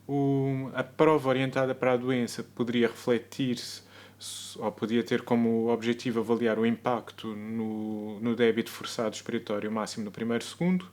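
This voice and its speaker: Measured European Portuguese male lecturer. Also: medium pitch, level tone, a little mellow. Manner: measured and explanatory, with occasional self-corrections. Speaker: medical school lecturer. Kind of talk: recorded video lecture.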